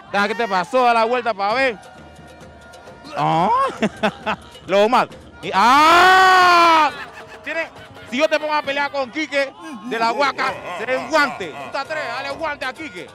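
A man with a Panamanian accent doing loud, teasing comic street interviews at a stadium, often shouting. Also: extremely high pitch. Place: outdoors at a stadium crowd. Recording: music and crowd noise. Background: crowd and music.

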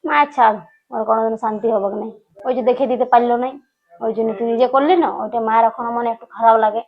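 A woman's voice: fairly high pitch, steady tone, quick pace, close to an everyday voice. A woman with a Manbhum Bengali accent playing an outspoken elder daughter who firmly lectures her mother. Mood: confiding. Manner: firm, scolding, lecturing. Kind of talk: amateur village comedy drama. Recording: dull lo-fi sound.

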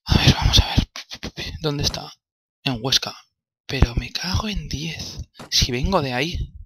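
Brief: young Spanish man, let's play commentary, exasperated and sweary, fairly high bright voice. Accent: Spanish from Spain. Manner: exasperated, swears often, talks to himself. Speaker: gameplay commentator.

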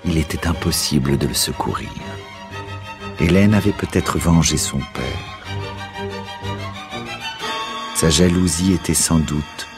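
A man reading a classic novel aloud on the radio, telling the story in a measured, dramatic way. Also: rumbling low, over music.

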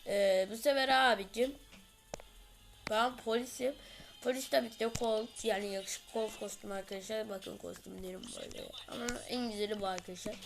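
A woman hosting a gaming channel, giving excited gameplay commentary full of exclamations and chatty asides to viewers. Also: medium pitch, normal speed, gravelly.

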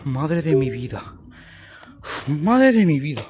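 Jumpy high-voiced Spanish man gaming. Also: big pitch swings, takes it slowly. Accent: Spain Spanish. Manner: jumpy, swearing, shouting in fright then joking. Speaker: gaming video host. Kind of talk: excited casual play commentary with friends.

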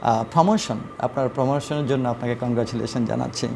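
A man teaching a spoken English lesson, reading example phrases slowly and deliberately with frequent "uh" fillers. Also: medium pitch, steady tone, gravelly, noisy background.

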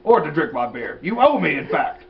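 A man's voice: a little high, very animated, fairly quick, far from the mic, muffled recording, voice pushed up. A man voicing a crude, rowdy, hungover male Muppet puppet in an improvised comedy sketch. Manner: crude, gravelly, slurring party-animal talk.

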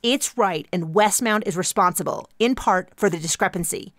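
A woman's voice: no room sound, clean studio sound, natural voice. Woman doing a pushy, indignant young activist. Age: 20s. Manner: insistent, accusatory, rapid-fire pitch.

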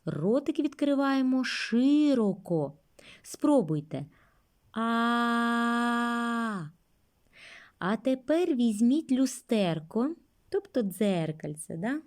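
A woman teaching young children a speech lesson, speaking gently and drawing out words for them. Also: on the high side, sing-song, slow pace. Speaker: kindergarten teacher.

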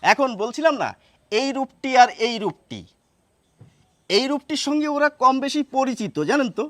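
A man teaching a lesson, explaining step by step and repeating words slowly to show how they sound. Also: very high voice, animated, dry recording. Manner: explains step by step, asks rhetorical questions.

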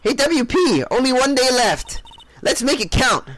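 A man voicing an excitable teenage girl from a detective game, in a high, squeaky voice. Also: a little slow, full character voice. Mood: cheerful. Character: bubbly excitable teen girl spirit medium.

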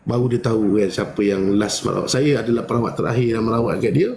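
A man's voice: fast, a little hiss or hum. A man, a spiritual healer telling a story in casual live-stream chat and acting out the dialogue with big jumps in his voice. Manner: animated, acts out dialogue with big pitch jumps.

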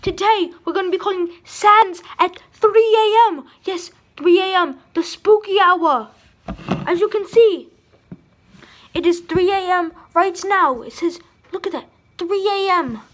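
A woman's voice: very high voice, measured pace. A woman hosting a casual prank vlog, talking dramatically with gasps and repeated exclamations as she plays at being scared. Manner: dramatic, gasping, playing scared. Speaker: YouTube host.

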